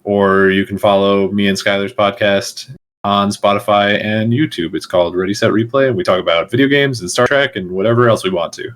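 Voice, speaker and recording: A man with a fairly low voice, chatting as a podcast guest. He ribs the others with quick teasing jabs and scatters fillers through his talk. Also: a bit bright. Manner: teasing, rapid-fire ribbing with fillers. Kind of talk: casual group chat.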